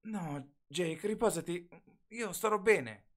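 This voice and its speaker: Man doing an urgent teenage girl, high and pushed. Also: expressive, takes it slowly, fairly bright tone, exaggerated voice. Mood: earnest. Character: anxious teenage girl, the storyteller.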